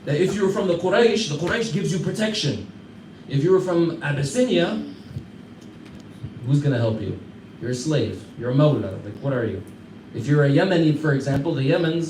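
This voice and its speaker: American male teacher, casual storyteller who quizzes the class, slightly high voice, recorded from a distance. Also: brisk, a little mellow. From United States. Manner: conversational, quizzes listeners, chuckles through anecdotes. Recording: echoey room, mic far off, faint background hum.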